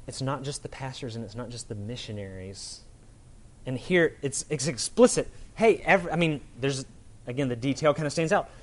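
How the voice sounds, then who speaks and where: At a moderate pace and medium pitch, a male pastor preaches informally, as if in conversation. He keeps it casual and colloquial, often pausing to check in with listeners with a "right?"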